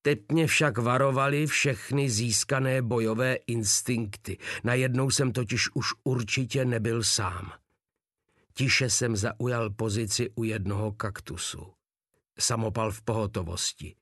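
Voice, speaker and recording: A man's voice: mid-range voice, steady tone, a bit bright, dry recording. Man narrating an audiobook, dry sound. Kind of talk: first-person audiobook narration.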